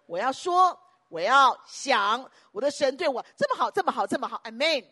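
A woman pastor preaching a sermon emphatically, piling up repeated phrases and breaking into sudden loud bursts. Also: sits high, animated, moderate pace.

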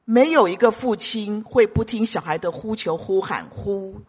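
A pastor preaching a sermon, emphatic and full of rhetorical questions, swinging between loud urging and hushed asides. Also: medium pitch, normal speed, breathy edge.

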